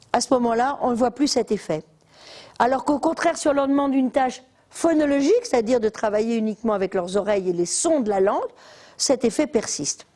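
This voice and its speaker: An older woman lectures a room full of listeners. Her voice sits fairly high yet stays mellow and soft-edged. She talks in a lively, chatty way, full of asides and hesitations. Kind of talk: live lecture to an audience. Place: lecture hall.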